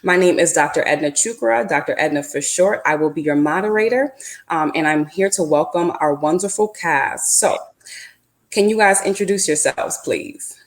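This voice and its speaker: Playful woman moderating a lively panel. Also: sits low, moderate pace. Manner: playful, laughs often, teasing. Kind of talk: hosting a lighthearted panel chat.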